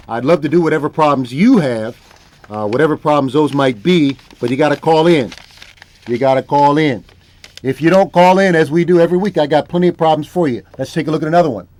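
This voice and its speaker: A man's voice: high voice, no room sound. A man hosting a call-in math lesson, upbeat and repeating phrases for emphasis.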